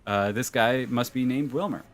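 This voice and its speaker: A male game streamer talking loosely over his play, at a middle pitch. He rambles, pads his sentences with "uh" and jumps up in pitch when a topic excites him. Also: moderate pace. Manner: rambling, many "uh" fillers. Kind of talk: casual let's-play commentary.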